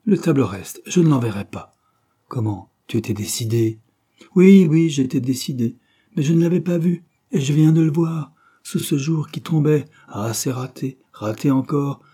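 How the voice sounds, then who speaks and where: Guy reading as a despairing painter, broken passionate outbursts, husky dark voice. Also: on the low side, expressive, moderate pace. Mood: anguished. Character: anguished male painter, despairing over his canvas.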